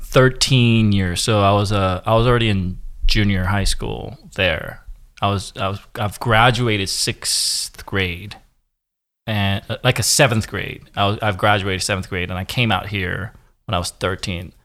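A man in his forties from South Korea speaks with a fairly low voice. He talks candidly as a guest, with a self-deprecating streak. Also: steady tone, measured pace, fairly bright tone. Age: 40s. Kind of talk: casual podcast interview.

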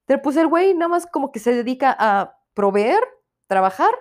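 A woman's voice: high-pitched, lively intonation, fairly quick, a little mellow. A young woman with a Mexican accent hosting a casual podcast review, ranting irreverently with plenty of swearing and mimicking people she talks about. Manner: mimics others in put-on voices. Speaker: podcast host reviewing a series.

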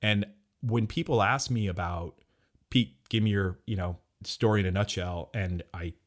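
A man's voice: fairly low pitch, moderate pace. A man co-hosting a podcast, talking casually and reflectively, rambling a little with restarts. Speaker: podcast co-host. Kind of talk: casual chat.

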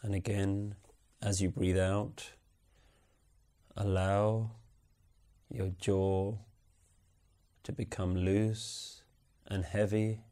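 A man guiding a body relaxation meditation with slow, soothing, unhurried instructions. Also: on the low side, level tone, warm tone. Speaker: meditation guide. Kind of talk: guided relaxation script.

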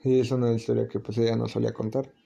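A man hosting a podcast, casually telling a paranormal story in a relaxed, hesitant way. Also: medium pitch, fast, creaky. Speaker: podcast host.

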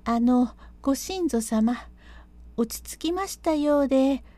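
A woman's voice: sits high, lively intonation, takes it slowly, voice pushed up. A woman voicing an eager young maidservant who coaxes a guest and answers her mistress with dutiful politeness. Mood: coaxing. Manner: bright coaxing servant's politeness.

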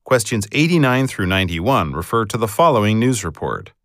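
A male test narrator reads scripted questions formally, with careful enunciation. His fairly low voice has strongly varied intonation, and the recording is dry and close. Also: big pitch swings, brisk, no room sound.

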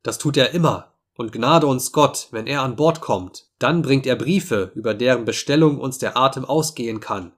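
A man reading a story voices a frightened, superstitious sailor with a slow, ominous way of talking. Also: medium pitch, lightly acted. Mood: fearful. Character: fearful superstitious old sailor.

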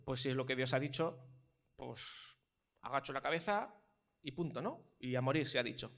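A preacher puts on an ancient king who has given up and accepts his death. The voice drops low and flat and shrugs the news off. It is a plain, everyday delivery without theatrics. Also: moderate pace, gravelly. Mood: resigned.

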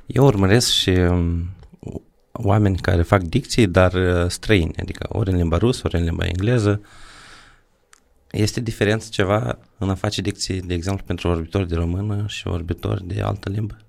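Low gravelly male podcast host. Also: steady tone, a little mellow. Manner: asks plain follow-up questions. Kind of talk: interview questions.

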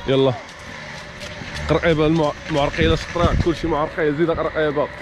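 A young man with a Moroccan accent hosting a challenge game, urging the players on with rapid repeated calls and frequent laughter. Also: fairly high pitch, steady tone, noisy background. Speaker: host running a challenge game. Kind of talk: energetic game commentary.

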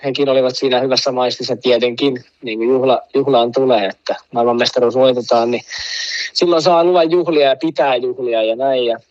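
A man's voice: mid-range voice, steady tone, darkish tone, highs cut off. A man casually telling a long, rambling anecdote, full of fillers and asides. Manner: rambling, full of fillers, laughs at own story. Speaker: guest telling a story.

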